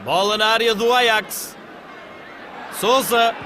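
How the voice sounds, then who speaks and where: A man with a European Portuguese accent giving live football match commentary in measured, descriptive phrases. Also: high-pitched, steady tone. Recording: 1980s TV broadcast, loud stadium crowd noise. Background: football stadium crowd.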